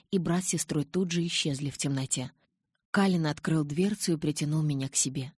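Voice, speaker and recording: Low, husky woman reading an audiobook. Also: darkish tone, no room sound, studio quality. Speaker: audiobook narrator. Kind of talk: first-person audiobook narration.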